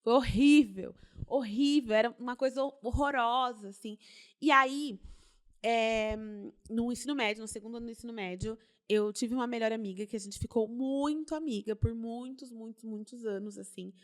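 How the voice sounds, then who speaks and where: A young woman chatting casually on a podcast, animated, laughing often and repeating words for emphasis. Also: fairly high pitch, normal speed. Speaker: podcast co-host.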